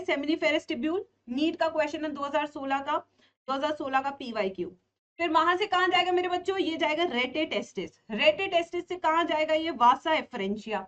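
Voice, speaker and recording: A woman's voice: sits high, a bit bright. A young adult woman giving a playful online biology lesson for exam prep, asking her students questions and answering them herself. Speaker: biology teacher. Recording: dull lo-fi stream audio.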